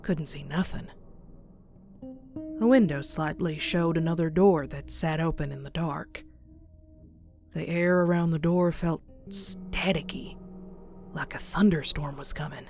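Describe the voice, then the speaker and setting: Faint music sits behind a woman's low-pitched, fairly even voice as she plays a terrified pony recounting a horror story in a comic dub. Slow and suspenseful, she drops to breathy whispers, full of hushed dread.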